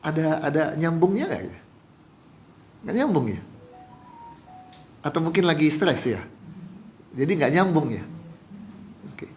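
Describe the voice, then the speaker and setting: High-voiced preacher quizzing his congregation. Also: very animated, a little slow, pauses often, faint music behind. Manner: interactive, quizzes the congregation, acts out quotes. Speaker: pastor. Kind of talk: sermon.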